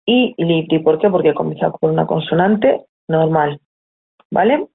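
Low-voiced and a little rough, with vocal fry, this Italian teacher speaks in an animated yet unhurried way. She has a Spanish accent from Spain and leads a live online lesson, patiently explaining and reading chat questions aloud, all over tinny phone-like audio.

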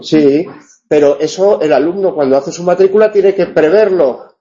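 A man's voice: fairly high pitch, normal speed, dark tone, highs cut off. A man teaching a university class, wry and digressive, often restarting his sentences. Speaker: university tutor. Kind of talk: classroom lecture with questions.

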